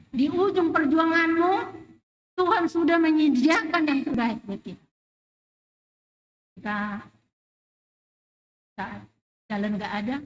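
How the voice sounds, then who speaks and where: A middle-aged woman gives a testimony to a church congregation. Her voice sits high and she speaks with strong emotion and emphasis, her loudness rising and falling. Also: rough recording. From Indonesia. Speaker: church member giving testimony. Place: church sanctuary.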